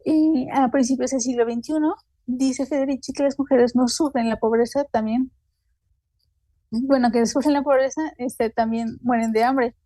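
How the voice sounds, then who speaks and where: A woman's voice: high voice, steady tone, dark tone, no room sound. A woman with a Mexican Spanish accent giving a seminar talk, hesitant and full of fillers. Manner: halting, many fillers like "este" and "eh". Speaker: seminar speaker. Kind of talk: academic talk, loosely read.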